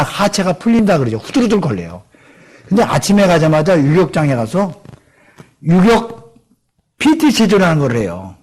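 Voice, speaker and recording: A man's voice: on the high side, a little mellow, breathy edge. A middle-aged man preaching a sermon in a church, asking the congregation questions and acting out the voices of people he quotes. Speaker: pastor. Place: church sanctuary.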